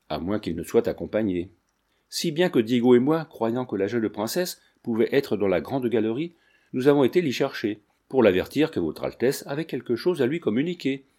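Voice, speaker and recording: A man reading the part of a frightened male servant who speaks in a halting, deferential, fearful way. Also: mid-range voice, dark tone, lightly acted.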